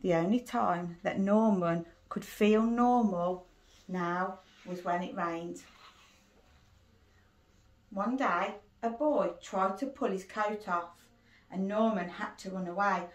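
The roomy, echoing phone recording captures a medium-pitched, middle-aged woman who teaches primary school. Sitting indoors in a small, cosy sitting room with a handheld phone a short distance away, she reads a picture book aloud to children with expressive, deliberate storytelling.

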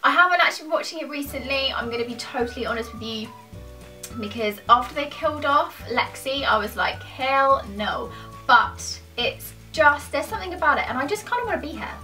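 Brisk, expressive and sharp, her high voice comes through a distant mic with faint music behind. A British woman in her twenties, she fields questions to camera as a YouTuber in a small furnished room at home, chatting in a loose, self-mocking, rambling style.

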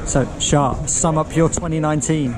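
A man's voice: fairly high pitch, steady tone, normal speed, a loud crowd. A man vlogging on a night ski trip, chatty and asking his friends questions, filming on an action camera. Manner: chatty, asks the others questions. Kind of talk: casual vlog chat.

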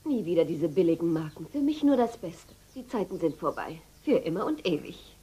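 A woman's voice: fairly low pitch, very animated, fairly quick, mellow, husky, heavily acted. An actress dubbing a scheming, sarcastic woman with expensive tastes in a soap opera. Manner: coy, mocking. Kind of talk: German-dubbed soap opera acting.

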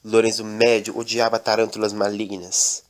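A man's voice: lowish voice, flat delivery, normal speed. Man narrating an absurd parody tale. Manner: mock-dramatic, repetitive storytelling. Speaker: comic storyteller.

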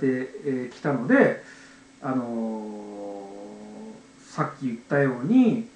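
A man in his forties from Japan, hosting a casual lesson about English pronunciation, hesitant and full of fillers as he sounds out letters slowly. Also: a little high, a little mellow, reverberant, rough recording. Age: 40s. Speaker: channel host, English learner. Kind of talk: casual explanatory monologue.

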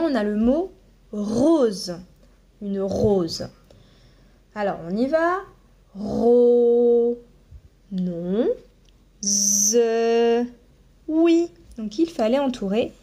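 A woman teaching a phonics lesson to young children, slowly sounding out each syllable with long buzzing sounds and checking in with them after each point. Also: on the high side, dark tone, breathy edge. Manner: slow, deliberate, sounds out syllables with drawn-out buzzing. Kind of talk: primary-school phonics lesson.

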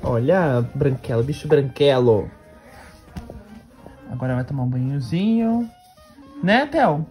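Low-voiced woman cooing baby talk. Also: expressive, normal speed. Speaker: mother filming her baby twins. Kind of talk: casual home video chat. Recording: clear background music.

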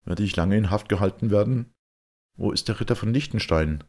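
A man's voice: lowish voice, brisk, darkish tone, voice pushed up, close to an everyday voice. A man voicing an earnest, anxious young knight in an audiobook.

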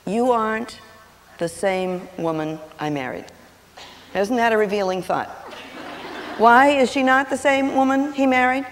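Animated woman teaching in an echoing hall. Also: on the high side. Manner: animated, acts out quotes in changing voices. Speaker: seminar speaker on personality and marriage. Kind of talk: lively teaching talk with stories. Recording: long hall reverb on an old videotape.

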